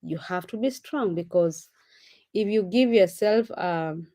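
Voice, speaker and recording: A woman's voice: on the low side, a little slow, mellow. A woman chatting casually on a live stream, reading viewer comments aloud and greeting each viewer by name, now and then slipping into Swahili words. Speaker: vlogger reading live chat.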